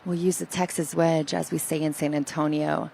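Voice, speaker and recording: Casting: woman golf commentator, creaky lower register, explanatory, light ambient noise behind. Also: level tone, normal speed, darkish tone, low-quality recording.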